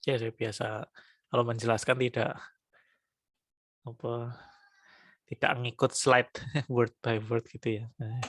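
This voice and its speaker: A man lecturing on economics in a relaxed, conversational way, dotting his explanations with little tag words. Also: mid-range voice, measured pace, long pauses, dry recording, studio quality. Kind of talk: recorded lecture.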